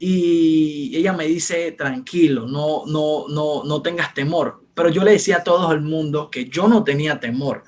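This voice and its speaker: A man's voice: fairly high pitch, measured pace, hardly any pauses. Earnest man sharing a faith testimony. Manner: earnest, retells dialogue in soft quieter voices. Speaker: testimony speaker. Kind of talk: personal faith testimony, storytelling.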